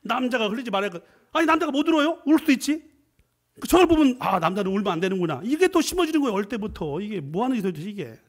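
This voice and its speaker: Middle-aged male guest preacher, high voice with big swings, jokey and animated, shifts between loud bursts and quiet asides. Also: quick pace. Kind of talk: animated Friday prayer sermon.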